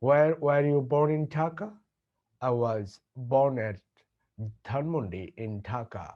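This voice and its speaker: A man with a Bangladeshi accent teaching English, slowly repeating example questions and answers. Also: mid-range voice, expressive, phone-quality sound. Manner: slow, deliberate repetition of example sentences. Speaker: English tutor. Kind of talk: language lesson with model dialogues.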